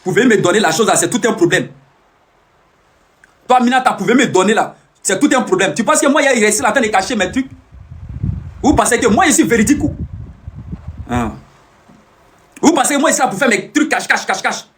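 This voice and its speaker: A man's voice: high voice, sing-song, a little fast, long pauses, a bit bright. A young man, boastful and teasing, who repeats his phrases over and over in a casual live stream.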